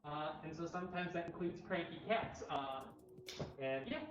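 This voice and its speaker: Speaking at a normal speed with a low pitch, the cat cafe host gives a casual livestream walkthrough inside the cafe room. The audio is noisy, with the highs cut off, a roomy echo and faint background music.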